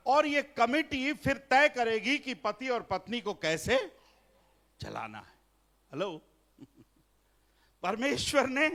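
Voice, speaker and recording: A man's voice: very high voice, sharp tone. A middle-aged man preaching as a pastor at a family seminar, mixing in English phrases and joking with the congregation. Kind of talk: Hindi sermon at a family seminar. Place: church hall.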